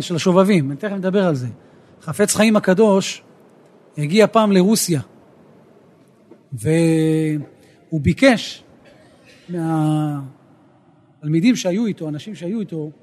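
A rabbi teaching a Torah lesson, an animated storyteller who rises to emphatic outbursts. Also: male voice, high-pitched, long pauses.

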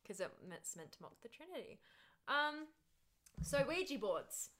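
A woman's voice: sits high, big pitch swings, unhurried, a bit bright. A young woman hosting a casual podcast, chatty and giggly as she talks with friends. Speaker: podcast host. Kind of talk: casual chat.

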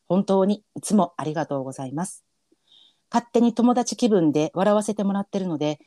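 A man's voice: high-pitched, dark tone, dry recording, clean studio sound. A man with a Kansai accent co-hosting a podcast, reading a listener's letter aloud and then laughing and apologizing. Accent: Kansai Japanese. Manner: earnest reader, then giggly and apologetic. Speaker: podcast co-host.

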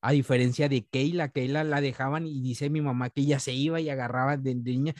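A man's voice: mid-range voice, fairly even intonation, fairly quick, darkish tone, no room sound, clean studio sound. A man in his thirties talking in an earnest, rambling way with many restarts, co-hosting a casual faith podcast. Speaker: podcast co-host.

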